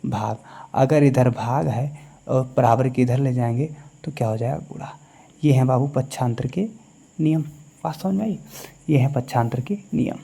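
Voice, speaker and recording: A man gives a maths lecture in a classroom style, pausing often to ask the class quick check questions. His voice is medium-pitched and mellow, with vocal fry and a breathy edge.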